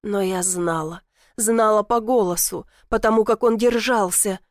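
A woman's voice: mid-range voice, a little slow, no echo. Lady reading a thriller audiobook, tense dramatic telling, dry close sound. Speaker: audiobook narrator. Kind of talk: first-person novel narration.

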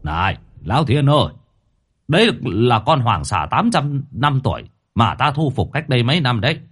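A man voicing a bossy, gruff middle-aged male exorcist who scolds and threatens. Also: mid-range voice, sing-song, moderate pace.

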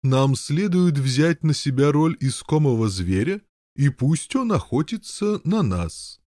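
A man's voice: fairly high pitch, expressive, unhurried, dark tone, no echo, clean studio sound, pitched above the performer's own voice. A man voicing an eager, bossy Saracen knight in an audiobook, pushing his odd ideas. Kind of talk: audiobook character voice.

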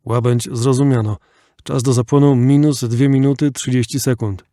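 Formal ground control operator, voiced by a man, clipped and mellow. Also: medium pitch, steady tone, moderate pace, dry recording, clean studio sound, lightly acted.

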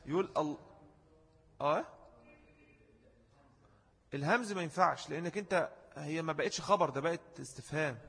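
A man's voice: on the high side, moderate pace, creaky, long pauses, fairly bright tone, breathy edge. A man with an Egyptian Arabic accent giving a religious lesson, explaining rules step by step and acting out wrong and right pronunciations. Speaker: religious teacher. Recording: long hall reverb.

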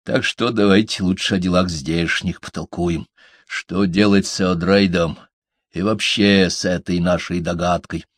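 A man voicing a calm, deliberate male dwarf who weighs his words. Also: sits low, no room sound. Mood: pondering.

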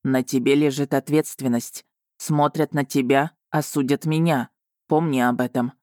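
A woman's voice: rumbling low, fairly even intonation, darkish tone, no echo, studio quality. Woman voicing a stern dragon man. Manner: stern, commanding, slow and weighty. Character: stern proud male dragon, a young woman's fiancé. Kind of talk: audiobook character voice.

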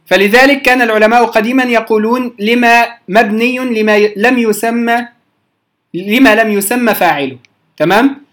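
A teacher works through a recorded lesson on word forms, checking in with the listeners again and again. The voice sits at a middle pitch and slows right down to spell out each word sound by sound. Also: fairly bright tone. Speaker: teacher of Quranic readings.

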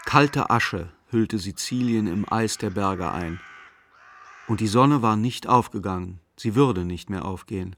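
A man narrating a radio drama in a slow, measured, melancholic manner. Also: lowish voice, fairly bright tone, slight background noise. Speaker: narrator and main character.

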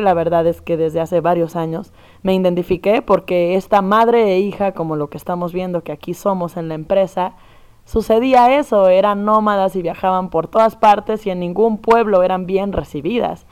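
Thoughtful young Mexican woman, smooth voice. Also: mid-range voice, darkish tone. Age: young adult. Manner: thoughtful, earnest, explains at length. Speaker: performance artist guest. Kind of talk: conversational interview.

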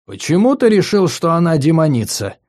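Guy doing a calm gentle doctor, slightly raised voice, slow patient questions, fantasy audiobook. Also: on the high side, voice pushed up. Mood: probing.

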